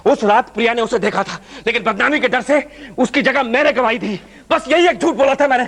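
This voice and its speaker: A man's voice: very high voice, brisk, fairly bright tone, full character voice. An actor playing a desperate young man wrongly accused of murder, pleading urgently to be believed. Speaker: lead in a TV crime drama.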